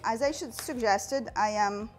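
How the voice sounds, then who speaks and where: A Moroccan woman in her forties hosts a cooking show from a home kitchen, walking through each step as she cooks. Her voice sits on the high side and her pace is measured. She's recorded on a lapel mic with music playing behind her.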